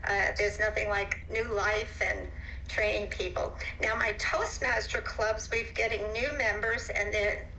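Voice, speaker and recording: A woman's voice: medium pitch, fairly even intonation, a little slow, vocal fry, pushed and bright, slight background noise, low-quality recording. An older woman, a great-grandmother, chatting cheerfully on a video call. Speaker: retired guest.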